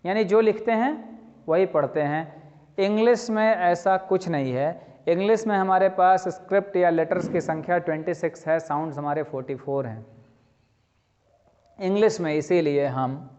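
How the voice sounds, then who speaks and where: High pitched guy teaching a lesson, lots of rhetorical questions, lo-fi and echoey. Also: normal speed. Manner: lively, explains with spoken examples and rhetorical questions. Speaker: English teacher. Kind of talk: classroom-style lecture. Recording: dull lo-fi sound with long reverb.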